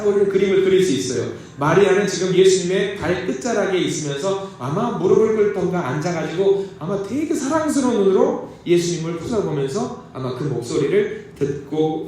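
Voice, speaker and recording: A middle-aged male pastor preaching a casual, animated sermon and asking the congregation questions. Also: high voice, fairly quick, a little hiss or hum. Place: church sanctuary. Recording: echoey church hall heard from a distance.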